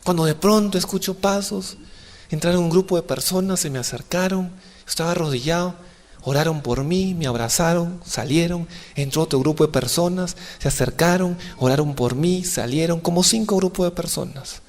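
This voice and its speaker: A young man preaching an emotional testimony sermon, impassioned and pleading, his voice rising to high cries. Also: normal speed. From outside Colombia.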